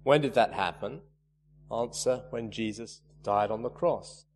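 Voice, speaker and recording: Preacher in a reverberant hall. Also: male voice, on the low side, a little slow, darkish tone. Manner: earnest, emphatic, stresses key words. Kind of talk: sermon. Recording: reverberant hall, faint hum.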